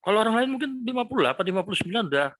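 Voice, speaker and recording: Bright-voiced man in his sixties. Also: high-pitched, very animated, racing, no room sound, low-quality recording. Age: 60s. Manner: rambling and repetitive, with quiet asides. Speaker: speaker giving a personal testimony. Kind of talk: casual faith testimony to a fellowship.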